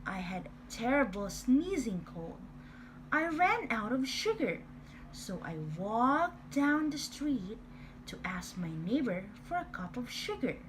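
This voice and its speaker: A woman's voice: fairly high pitch, sing-song, slow, a little hiss or hum, low-quality recording. A woman voicing a sly male wolf who tells his own side of a storybook tale in a playful, exaggerated way. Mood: self-justifying. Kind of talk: storybook reading.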